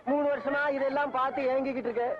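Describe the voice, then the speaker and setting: An actor playing a rich, sentimental old former wrestler who talks in a self-pitying, comic way, from an old film soundtrack. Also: male voice, very high voice, little pitch movement, fast talker, highs cut off, heavy background noise. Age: older.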